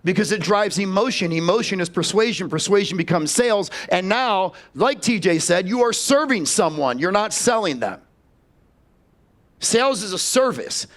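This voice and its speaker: A male sales trainer speaking live to a seminar audience, blunt and sprinkled with swearing. His voice sits high for a man, and he calls on people in the room directly. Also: animated, moderate pace, a bit bright.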